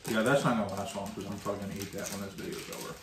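A man's voice: fairly low pitch, rapid-fire, vocal fry. A man co-hosting a casual snack review at home, chatting easily and reading package descriptions aloud. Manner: relaxed, reads package text aloud. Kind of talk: casual snack-tasting chat. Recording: echoey room, faint noise.

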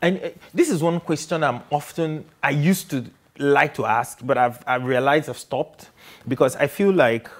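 A man who is a guest on a book club show, talking in an animated, expressive way and acting out his reactions. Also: on the high side, moderate pace. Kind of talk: book review conversation.

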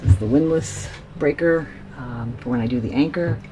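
A woman's voice: a bass voice, normal speed, noisy background. A woman giving a casual walkthrough of her sailboat, talking into a handheld camera and pointing things out with frequent ums. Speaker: boat owner giving a tour. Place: on and inside a sailboat at anchor, outdoors on deck then in the cabin.

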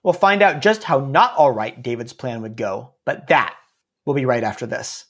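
A man's voice: mid-range voice, moderate pace, a bit bright. A man narrating a story podcast in a casual, snarky way, dropping wry asides as he goes.

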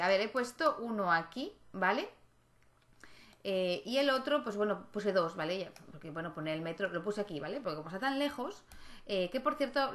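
Her mid-range voice is a bit bright, with a little hiss or hum underneath, as this gaming YouTuber chats through a casual let's-play. She speaks to her game characters and regularly turns to viewers with tag questions.

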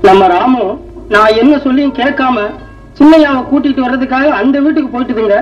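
A man's voice: very high voice, a little fast, highs cut off. An actor playing a loyal, fussing male household servant in a 1960s film, coaxing and scolding. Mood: worried. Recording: distant echoey old film soundtrack with music.

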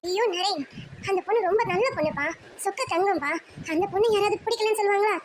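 A woman's voice: extremely high pitch, fast, a little hiss or hum. A woman voicing a loving but secretive middle-aged mother in a cartoon, lamenting and pleading. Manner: pleading, lamenting, sighing "aiyo". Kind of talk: cartoon voice acting.

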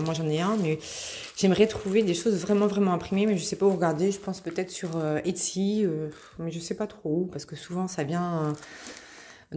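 A craft vlogger with a fairly low, darkish voice chats casually while showing off her craft purchases in a show-and-tell haul. She sounds hesitant and uses lots of fillers, gushing over cute items, with slight background noise.

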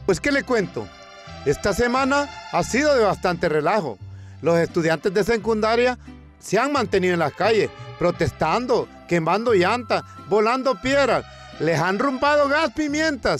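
A man's voice: high voice, lively intonation, moderate pace, a bit bright, soft background music. A man with a Honduran accent telling a comic news monologue in a colloquial, storytelling way, acting out protest chants. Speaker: comic presenter.

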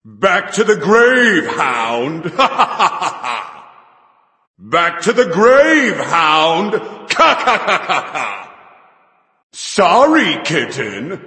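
A haughty sun god gloats over fallen foes in a video game. He speaks very slowly and grandly, his bright voice swinging widely in pitch, with a roomy echo. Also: sing-song, heavily acted. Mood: gloating. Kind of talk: video game taunt voice acting.

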